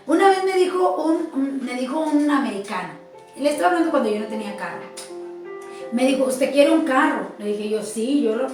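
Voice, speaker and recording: A woman in a church talk, telling testimonies with animated storytelling and repeating words for emphasis. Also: a little high. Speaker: church speaker. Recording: echoey room, distant mic, soft music.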